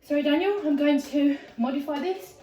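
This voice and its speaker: A woman's voice: high voice, normal speed, mellow, echoey room, distant mic, poor audio. A woman from the UK, a fitness vlogger, chatting casually while exercising at home, a little out of breath. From United Kingdom. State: slightly out of breath. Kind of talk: casual talk during a home workout. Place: home room.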